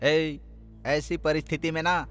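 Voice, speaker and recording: A brash, bright-toned comic henchman. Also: a little high, level tone, measured pace, clear, resonant tone, faint music behind. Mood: scolding. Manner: loud, bossy, insulting. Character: brash comic male henchman, bossy and scheming. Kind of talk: Hindi film dubbing.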